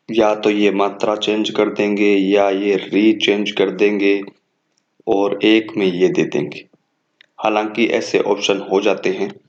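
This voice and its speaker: A man's voice: fairly low pitch, dull audio. A man teaching an exam-prep class, reading out words one at a time and correcting the wrong forms. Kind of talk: exam coaching lecture.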